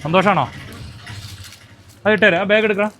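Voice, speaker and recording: A man from Kerala, a handloom shop owner, talking casually in a loud, coaxing way and repeating his reassurances. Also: sits high, normal speed, slight background noise. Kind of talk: casual chat.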